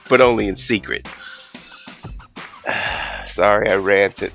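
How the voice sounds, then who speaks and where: A man's voice: on the low side, drawn-out words, gravelly, a bit bright, soft background music. A young man hosting his own channel, ranting casually with rambling, swear-filled emphasis. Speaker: YouTube channel host.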